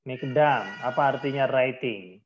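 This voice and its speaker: A male teacher with an Indonesian accent leads an online English class, slowing right down for each English phrase. He clears his throat now and then. The sound is dull and a little muffled, like a lo-fi video call. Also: mid-range voice. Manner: slow, deliberate English phrases amid Indonesian explanation.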